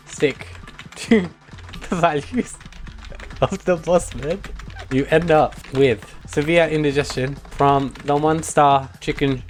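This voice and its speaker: A young British man streaming a mock lesson to his chat in a mock-serious manner, prone to chuckling. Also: a little high.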